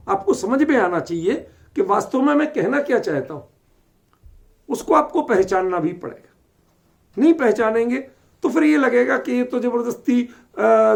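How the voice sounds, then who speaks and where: This man's voice is extremely high with vocal fry, and he speaks with a Delhi Hindi accent. Teaching a scripture lesson, he keeps asking his listeners whether they're following the point.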